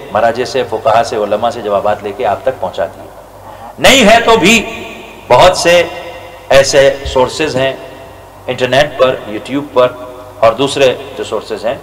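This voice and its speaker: A man's voice: medium pitch, fairly bright tone. Man teaching letters in a reverberant hall. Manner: slow and deliberate, drawing out each Arabic letter. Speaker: religious scholar teaching Quran recitation. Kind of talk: religious lesson. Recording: reverberant hall with faint noise.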